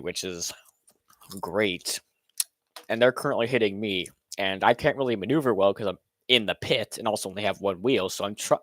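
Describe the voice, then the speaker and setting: Low, dry-voiced young man rambling. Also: a bit bright, no echo. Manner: rambling, many fillers and restarts. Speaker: robot builder recapping his event. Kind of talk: casual voice-over narration.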